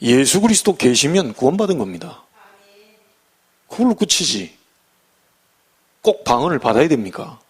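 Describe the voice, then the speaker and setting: Middle-aged guy pastor preaching, high voice that swings all over, jokey and folksy. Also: husky. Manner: folksy preaching with humor and rhetorical questions. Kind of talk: sermon.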